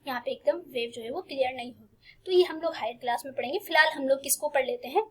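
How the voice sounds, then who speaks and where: A woman science teacher explaining a lesson to students patiently and repetitively, reading textbook lines slowly and then explaining them in her own words. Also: sits high, fairly bright tone. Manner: reads English textbook lines slowly, then explains in Hindi with many fillers.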